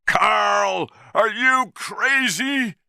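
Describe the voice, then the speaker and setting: A man's voice: sits high, sing-song, slow, vocal fry, pushed and bright, dry recording, clean studio sound, pitched above the performer's own voice, exaggerated voice. A man voicing an urgent young man in a read-aloud story. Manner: urgent, raised voice.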